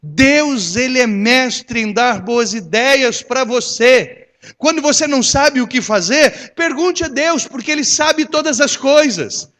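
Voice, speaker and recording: A man preaching to his congregation in a notably high voice. His delivery is lively and theatrical, swinging from loud exhortation to hushed asides. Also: measured pace. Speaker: pastor. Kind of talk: sermon.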